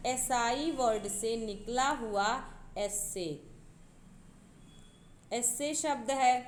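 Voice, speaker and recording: A woman's voice: sits high, echoey room, slight background noise. A woman teacher giving an exam-prep literature lecture, explaining step by step and repeating key terms.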